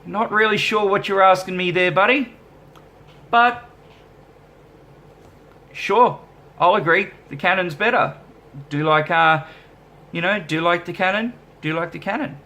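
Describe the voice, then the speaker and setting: An Australian man vlogs casually as a musician, rambling through viewer questions in an easygoing, self-deprecating way. His voice is high, bright and pushed, a little slow, with long pauses.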